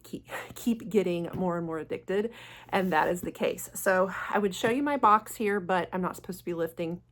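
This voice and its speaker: Female product-review host, lowish register, chatty and enthusiastic, informal delivery. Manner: gushing, enthusiastic. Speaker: fragrance vlogger, channel host.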